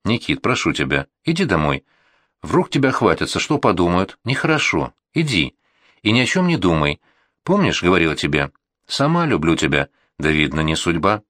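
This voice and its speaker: A man with a deep voice voicing a tender, weary young widow in an audiobook, gentle and pleading. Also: big pitch swings, normal speed, no echo, studio quality. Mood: sad pleading. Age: 20s. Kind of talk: audiobook narration.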